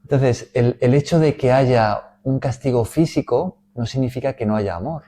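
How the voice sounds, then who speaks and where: A man teaching a Bible study in a measured way, often checking in with "¿no?". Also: mid-range voice, mellow, slight background noise. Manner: measured, frequent "¿no?" tags.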